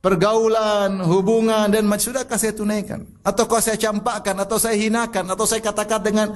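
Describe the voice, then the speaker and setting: A middle-aged man preaching a sermon, pressing the listener with repeated rhetorical questions and telling personal stories with a soft laugh. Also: high-pitched, flat delivery, brisk. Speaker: Islamic preacher.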